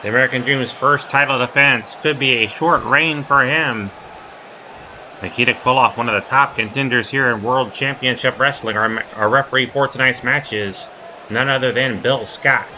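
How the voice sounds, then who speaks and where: A man's voice: medium pitch, fairly even intonation, normal speed, bright, forceful tone, poor audio. A man hosting a wrestling broadcast, giving sports commentary and play-by-play. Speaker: wrestling commentator and show host. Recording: clear background noise behind the voice.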